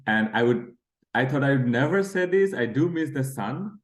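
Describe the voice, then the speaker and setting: A man's voice: mid-range voice, expressive, moderate pace. A man from Bangladesh, chatting as an author guest in an interview, friendly and full of fillers. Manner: friendly, chatty, laughs between phrases, many fillers. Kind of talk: casual interview chat.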